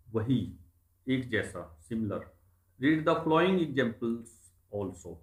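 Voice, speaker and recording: This Hindi-language pronunciation lesson features a man with a medium-pitched voice, recorded with reverb. He spells English words letter by letter and follows up with their meanings.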